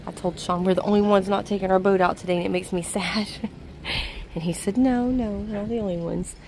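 A woman's voice: mid-range voice, fairly even intonation, brisk, darkish tone, a little hiss or hum. A woman chatting casually to the camera in a vlog, laughing often, recorded outdoors on a docked boat. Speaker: vlog co-host.

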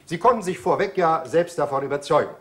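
A brisk auctioneer, played by an actor, who coaxes the room with a sing-song patter. His voice sits high and swings widely as he rattles off prices and talks up the goods. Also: animated, close to an everyday voice. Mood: coaxing, salesmanlike. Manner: sing-song calling of bids, coaxing. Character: brisk male auctioneer selling old furniture.

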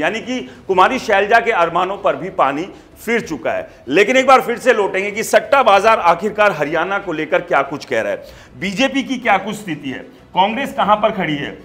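A man in his thirties, standing in a studio and giving political news commentary to camera in an animated, gesturing way, on a lapel mic. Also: a little high. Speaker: news editor and presenter. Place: studio in front of a large screen.

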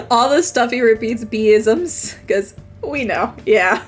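A woman's voice: a little high, lively intonation, takes it slowly, soft background music. A young woman streaming a game, chatting casually with her viewers, laughing often and swearing freely. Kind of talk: casual gaming commentary.

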